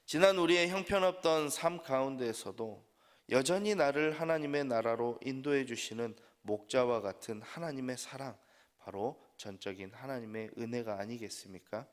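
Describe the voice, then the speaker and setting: A man's voice: mid-range voice, moderate pace. Earnest male pastor preaching in a reverberant hall. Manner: earnest preaching, rising on key phrases and trailing off softly at sentence ends. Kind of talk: sermon. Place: church sanctuary. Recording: long church hall reverb.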